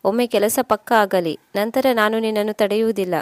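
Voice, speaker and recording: A woman's voice: medium pitch, steady tone, moderate pace, no echo, close to an everyday voice. A woman voicing a lonely, aging widowed mother who pleads with her son in tearful appeals. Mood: pleading.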